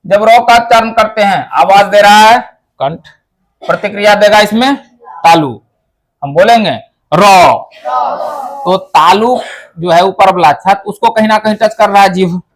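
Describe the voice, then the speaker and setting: Teaching Sanskrit pronunciation, a man with a voice that sits high goes step by step through the material. He asks himself questions and supplies the answers, demonstrating each sound by saying it slowly.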